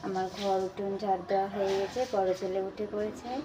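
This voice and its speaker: A woman's voice: mid-range voice, flat delivery, brisk, noisy background. Chatty woman vlogging her chores. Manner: chatty, talks while doing chores. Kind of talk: casual daily-routine vlog narration. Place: home kitchen.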